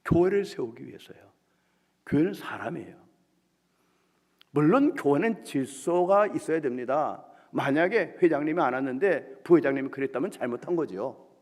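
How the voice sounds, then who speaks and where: A man preaching at a revival meeting, telling a story animatedly and acting out the people in it, dropping to hushed asides and rising to loud outbursts. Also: fairly high pitch, lively intonation, normal speed. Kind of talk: sermon with storytelling. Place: church sanctuary. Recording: long hall reverb in church.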